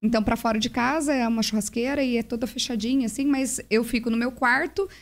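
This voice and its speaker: A woman with a Brazilian accent, a podcast guest, telling lively stories about parenting and acting out the dialogue. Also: on the high side, fast. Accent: Brazilian Portuguese. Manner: lively storyteller, acts out dialogue. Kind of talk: casual podcast conversation.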